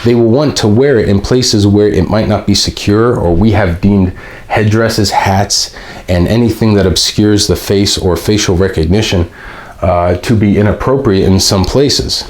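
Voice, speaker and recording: A man reading a text aloud and commenting on it, halting often with pauses and restarts, and reading slowly and deliberately. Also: on the low side, darkish tone. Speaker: video host.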